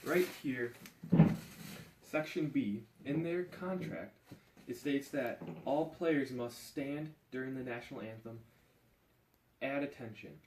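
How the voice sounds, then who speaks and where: A man plays a league commissioner in a homemade skit, hesitant and filled with ums. He speaks at a middle pitch. The sound is distant and roomy, with faint noise. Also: slow, long pauses, close to an everyday voice. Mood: firm. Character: male league commissioner defending the contract. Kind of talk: amateur school skit acting. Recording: echoey room from far off, faint noise.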